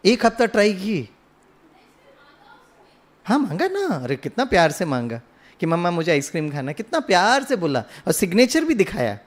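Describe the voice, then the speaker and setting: A man's voice: high-pitched, huge pitch swings, normal speed, long pauses. A man giving a spiritual talk, telling a story and asking the audience questions, slipping English phrases into his speech. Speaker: spiritual speaker.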